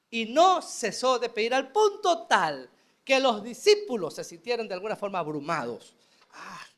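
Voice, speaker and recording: Animated pastor preaching. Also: male voice, high voice. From Venezuela. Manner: animated preaching, acting out prayers and dialogue. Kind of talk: sermon.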